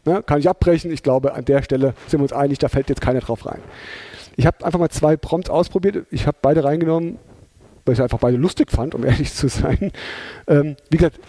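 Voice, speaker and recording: A man's voice: a little high, a little fast, warm tone, no room sound. A man presenting a talk in a chatty, informal way, with many fillers and tag questions. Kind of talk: conversational lecture.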